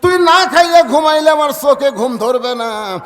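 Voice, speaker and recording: Man putting on a shrill selfish young wife. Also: lively intonation, normal speed. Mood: doting. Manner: screeching scolding, whiny complaining. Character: shrill selfish young wife, lazy, doting on her brother. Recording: echoey hall reverb.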